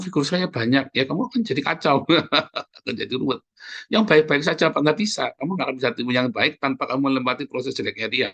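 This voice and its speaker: A man's voice: mid-range voice, fairly bright tone, husky, no echo. A man preaching a conversational sermon, asking his listeners questions and answering them himself, with sudden emphatic rises. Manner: addresses listeners as brothers and sisters, asks and answers his own questions.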